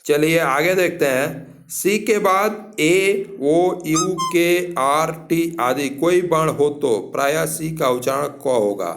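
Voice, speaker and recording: A male teacher giving a slow, careful lesson. He talks at an unhurried pace in a slightly high voice. He spells words out letter by letter and repeats each rule. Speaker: English teacher.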